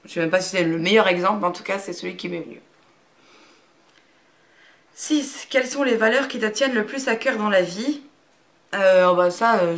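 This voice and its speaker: Reserved woman in her thirties, plain middle voice, frank but halting, casual video talk. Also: medium pitch, a bit bright. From Brittany, France. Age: 30s. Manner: hesitant, many fillers and restarts. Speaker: YouTuber. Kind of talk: casual talk to camera, answering a question tag.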